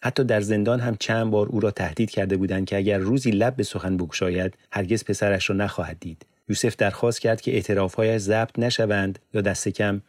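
Male audiobook narrator, very deep, steady measured delivery, dry studio read. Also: no room sound. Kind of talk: scripted narration.

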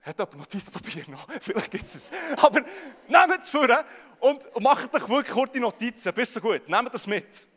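A man's voice: very high voice, big pitch swings, normal speed, sharp tone. A young man with a Swiss German accent preaching a sermon to a large crowd, often stammering and repeating words as he speaks to them directly. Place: large hall with audience. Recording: long hall reverb.

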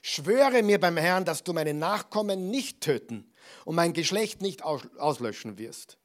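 Ein Mann, der den alten König Saul spricht, reuig und flehend. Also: male voice, on the high side, lively intonation, measured pace, pitched above the performer's own voice. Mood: imploring. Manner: raised, imploring. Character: old repentant King Saul, man.

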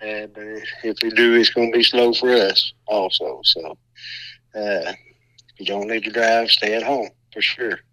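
A man speaking as a sheriff in an unscripted radio interview, plainspoken and halting. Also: fairly low pitch, steady tone, bright, forceful tone, no room sound, low-quality recording. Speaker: county sheriff, interview guest.

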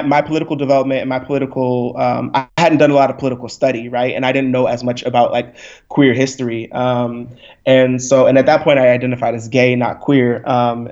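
A young man appears as a guest on a podcast, talking candidly in a mid-range, darkish voice. He is passionate, blunt and profane, leaning often on "like" and "right?", and the recording sounds slightly muffled.

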